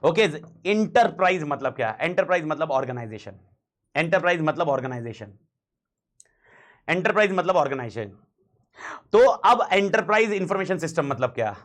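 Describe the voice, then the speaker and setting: A man's voice: fairly high pitch, very animated, fairly quick, pauses often, fairly bright tone. A man teaching a class in a casual, slangy way, repeating key points and mixing in English phrases.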